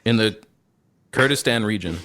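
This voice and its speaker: A man's voice: lowish voice, normal speed, background noise. A man co-hosting a casual podcast in a studio, reading out news headlines in a loose, laughing way. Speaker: podcast co-host.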